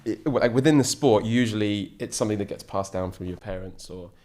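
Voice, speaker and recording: A very low-pitched man talks eagerly as an interview guest. He rambles a little, backs up and restarts his thoughts, and keeps an easygoing, conversational tone. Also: fairly quick, darkish tone. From England. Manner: enthusiastic, rambling with frequent restarts. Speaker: podcast guest, ocean sailor. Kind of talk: casual interview chat.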